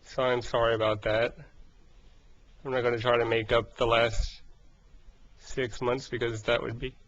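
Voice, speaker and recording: A man giving a casual personal vlog update, out of breath and speaking haltingly in short broken phrases. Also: medium pitch, little pitch movement, a bit bright. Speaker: vlogger. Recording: dull, lo-fi sound.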